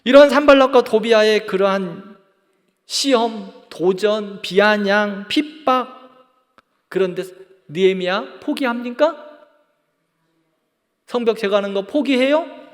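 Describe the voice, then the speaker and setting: A man's voice: high voice, slow pace, pauses often, big-room sound. A man preaching a sermon as pastor, fervent and often checking in with his congregation. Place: church sanctuary.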